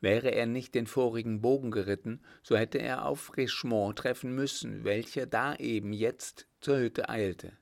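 A man reading a classic adventure novel aloud as an audiobook narrator, in a steady, measured storytelling manner. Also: medium pitch, creaky.

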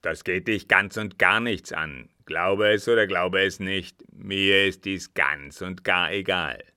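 A man reading a storybook voices a brusque, scheming former French captain who curses and speaks low and forcefully. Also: a little slow, dry recording, studio quality. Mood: gruff. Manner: gruff, brusque, cursing.

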